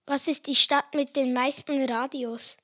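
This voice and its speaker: A woman telling a string of jokes in a deadpan way. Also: high-pitched. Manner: deadpan, slow joke-telling with childlike whiny voices for kids.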